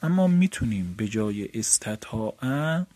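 A teacher of Arabic morphology gives fellow seminary students a methodical grammar lecture, walking through each step of a rule. His voice is on the low side, dark and sing-song.

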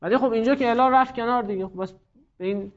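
A male teacher giving a classroom lecture, explaining playfully with jokes and by turning rules into characters who argue with each other. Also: very high-pitched. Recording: slightly dull lo-fi recording.

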